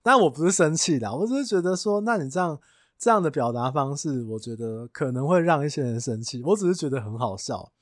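Lively, chatty podcast host man. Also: on the high side, no echo, studio quality. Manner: chatty storyteller, amused, quick to laugh. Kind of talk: casual podcast monologue.

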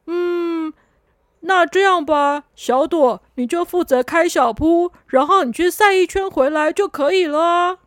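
A woman's voice: extremely high pitch, no room sound, clean studio sound, pitched above the performer's own voice. Woman doing a careless, breezy storybook guide. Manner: easygoing, drawn-out.

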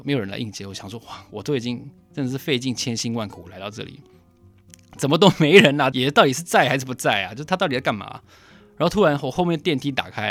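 Male journalist-host with a gravelly voice, mid-range pitch, telling a story in an animated way. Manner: lively, animated retelling with acted-out dialogue. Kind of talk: solo podcast storytelling.

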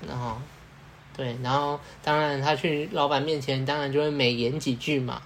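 A man talks through workplace anecdotes in a relaxed, meandering podcast chat. He leans on fillers, acts out small exchanges as he goes, and a faint hiss sits under the recording. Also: mid-range voice, moderate pace. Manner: rambling storytelling with fillers and laughs. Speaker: podcast co-host. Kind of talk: casual chat.

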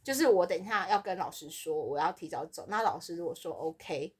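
A woman's voice: a little fast, breathy edge. A woman co-hosting a podcast, telling a workplace story in casual chat and acting out the other people's lines with big swings in her voice. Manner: animated, acts out quoted voices with big pitch swings. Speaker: podcast co-host.

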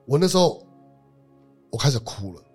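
A man, a lawyer guest telling a personal story in an interview, animated and swinging between loud and hushed. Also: mid-range voice, normal speed, slightly rough, faint music behind.

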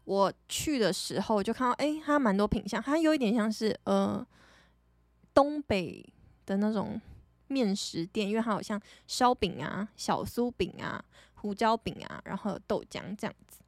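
A young woman from Taiwan with a Taiwanese Mandarin accent, hosting a podcast and telling stories casually, chatty and animated, laughing often. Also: medium pitch, normal speed, no room sound, clean studio sound. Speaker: podcast host. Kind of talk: casual storytelling monologue.

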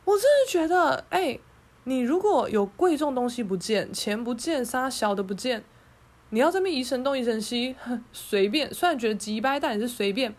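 A woman's voice: on the high side, expressive, normal speed. Fired-up Taiwanese woman ranting. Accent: Taiwanese Mandarin. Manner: heated, profane, sarcastic. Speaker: podcast host. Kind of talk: casual storytelling rant.

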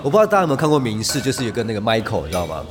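Fast-talking man. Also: medium pitch, a crowd in the background. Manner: rambling, animated anecdotes with frequent restarts. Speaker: podcast guest. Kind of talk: casual storytelling chat.

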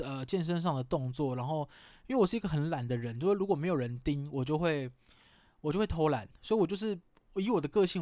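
Guy around 30 rambling on his podcast, pokes fun at himself, kinda high voice, dry close mic. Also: no room sound. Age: 30s. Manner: candid, rambling, self-mocking with mild swearing. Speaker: podcast host. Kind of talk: casual chat.

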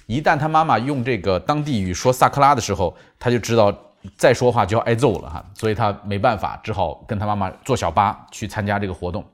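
A man hosting a book summary, retelling the story in an animated way and acting out the quotes. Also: lowish voice, fast.

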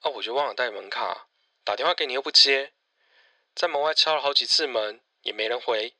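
A man's voice: medium pitch, brisk, sharp tone, no echo. A man playing a worried but easygoing husband phoning his wife in an audio horror drama. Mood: casual.

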